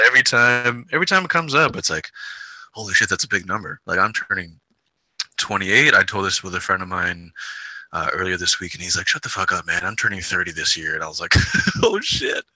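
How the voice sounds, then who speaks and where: A bright, forceful-sounding man in his twenties co-hosts a podcast in easy, rambling chat, laughing between thoughts. The sound is close and dry, with no room around it. His voice sits a little low. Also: lively intonation, moderate pace, dry recording, low-quality recording. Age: 20s. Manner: laughs often, loose and rambling. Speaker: podcast co-host. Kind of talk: casual chat.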